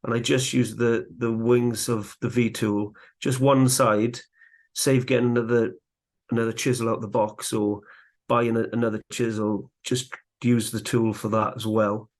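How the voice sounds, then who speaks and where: A man teaching woodcarving live, chatting in a relaxed way as he works, a little out of breath. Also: mid-range voice, unhurried. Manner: relaxed, chatty, talks while working. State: slightly out of breath. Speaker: woodcarving instructor. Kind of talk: live carving tutorial.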